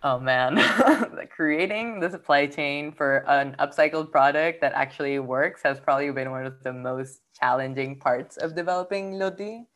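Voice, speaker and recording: Very low-voiced woman, casual and chatty. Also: moderate pace, hardly any pauses. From Peru. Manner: relaxed, filler-heavy, lots of "like" and "um". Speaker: fashion brand founder. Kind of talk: casual interview chat.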